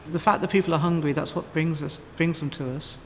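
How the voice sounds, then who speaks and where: A woman's voice: deep voice, steady tone, brisk. A middle-aged woman, a food bank project manager, speaking earnestly and forthrightly in an interview inside a church. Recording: reverberant church with faint noise.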